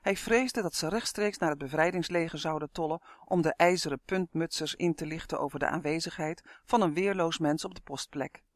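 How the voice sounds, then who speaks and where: Guy reading a kids fantasy book out loud, expressive, higher voice, dry sound. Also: no echo. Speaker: audiobook narrator. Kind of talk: scripted storybook narration.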